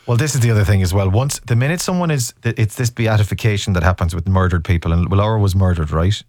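A man's voice: fairly low pitch, quick pace, darkish tone, no echo, studio quality. A man interviewing someone in a casual, chatty and informal way. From County Mayo, west of Ireland. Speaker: interviewer, host.

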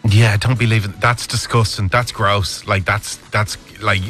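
A man's voice: fairly low pitch, steady tone, measured pace, fairly bright tone. A man hosting casual radio chat in a blunt manner. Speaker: radio host. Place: radio studio. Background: music.

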